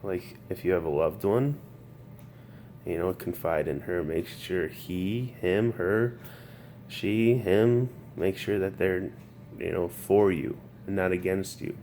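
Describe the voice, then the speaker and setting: A weary, subdued man freshly out of surgery, earnestly giving advice in a casual video diary, halting and repeating himself, recorded in a hospital room. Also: sits low, dark tone. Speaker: patient sharing his recovery story. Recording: noticeable background room noise.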